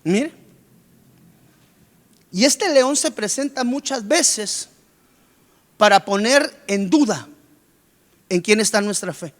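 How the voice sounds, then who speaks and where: A man preaching a sermon as pastor, with sudden surges of pitch and force, acting out worried church members. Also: lively intonation, takes it slowly, pauses often. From Guatemala. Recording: long reverb of a church hall.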